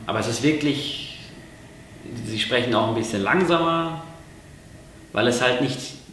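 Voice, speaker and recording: A German man talks through explanations in a casual vlog, hesitant and full of fillers and restarts. His voice is medium-pitched and fairly bright, recorded in a very echoey room with slight background noise.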